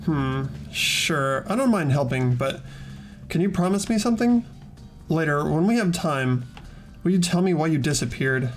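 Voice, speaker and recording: A man plays an earnest teenage boy who gets flustered easily, both narrating and speaking lines in an amateur visual novel dub. His delivery is hesitant and expressive, pitched fairly high at a normal speed, with a natural voice over soft background music.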